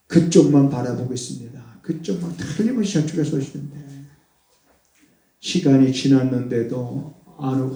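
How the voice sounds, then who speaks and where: A middle-aged male pastor preaching a sermon in a church, speaking quietly as he explains and then rising into loud, high exclamations. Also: creaky. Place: church sanctuary. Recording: echoey church, voice from a distance.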